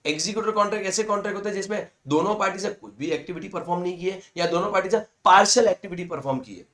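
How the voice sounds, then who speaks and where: A man with a slightly high voice teaches accounting, mixing Hindi and English. He reads each definition slowly, then explains it quickly in plain words. He keeps calling his students "guys" and repeats the main points. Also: a bit bright. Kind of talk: lecture explaining slides.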